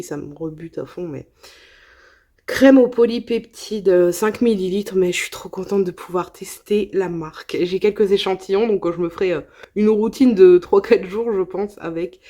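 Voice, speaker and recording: This is a young woman vlogging a makeup haul in a relaxed, chatty way. She sounds enthusiastic, piles on asides and fillers, and her voice has a mellow, warm tone. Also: mid-range voice. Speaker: beauty vlogger. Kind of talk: casual haul video chat.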